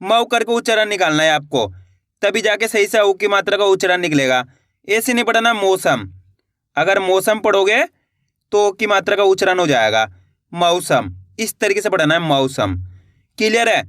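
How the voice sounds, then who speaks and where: A teacher giving a slow reading lesson, spelling words out syllable by syllable and then blending them, reassuring viewers as friends. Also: medium pitch, lively intonation, a bit bright, dry recording, clean studio sound.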